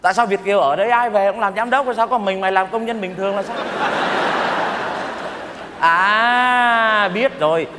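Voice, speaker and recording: A man's voice: sits high, moderate pace, pauses often, lightly acted. An actor playing a sly, boastful husband who justifies his bragging in a stage comedy. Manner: persuasive, explains with relish. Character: boastful overseas husband, sly smooth-talker. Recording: reverberant stage hall with noise.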